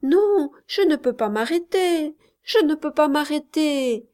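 A woman voicing a frightened young village girl who pleads softly and tremulously. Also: high-pitched, lively intonation, takes it slowly. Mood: frightened, pleading.

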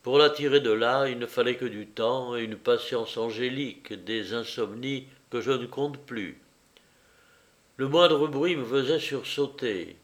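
A man reading a novel aloud as an audiobook narrator, in a measured, deliberate manner. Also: mid-range voice.

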